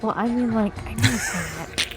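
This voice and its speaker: A woman's voice: a little high, measured pace, over music, rough recording. A woman streamer chatting casually while gaming, giggling, swearing and filling her talk with fillers. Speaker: game streamer.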